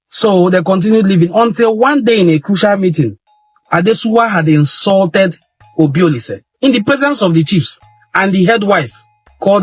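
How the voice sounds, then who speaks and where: A middle-aged Nigerian man, a cultural history commentator, delivers an impassioned monologue on history. His high voice is slightly rough, and he speaks emphatically, repeating phrases for stress.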